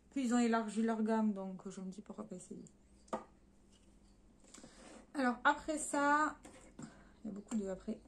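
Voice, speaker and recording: A woman runs through a casual beauty haul at an everyday mid pitch. She talks straight to her viewers in a loose, chatty way, pausing on fillers and correcting herself mid-sentence. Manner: chatty, hesitant with frequent fillers and self-corrections; addresses viewers directly while showing swatches. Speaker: beauty vlogger.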